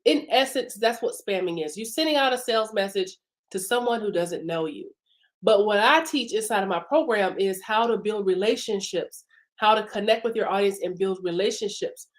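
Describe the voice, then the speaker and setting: Speaking at a moderate pace in a mid-range voice, a woman business coach teaches informally on a live broadcast. She fills her chat with plenty of fillers and is congested from a cough and a sore throat.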